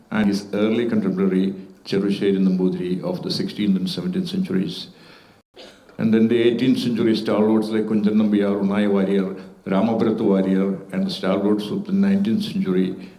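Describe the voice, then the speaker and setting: On a literature festival panel in an echoey auditorium, a man whose first language is Malayalam speaks in a measured, formal way. His voice is lowish and warm, and a few ums and uhs slip into his careful delivery.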